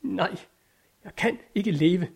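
A man's voice: sits high, vocal fry, breathy edge, pitched above the performer's own voice, heavily acted. Tormented brooding man, grim and despairing, slightly raised voice, read by a male narrator. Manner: dark, despairing.

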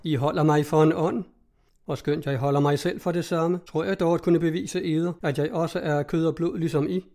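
A man voicing a polite, formal young gentleman traveler. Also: a little high, fairly even intonation, lightly acted. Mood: courteous.

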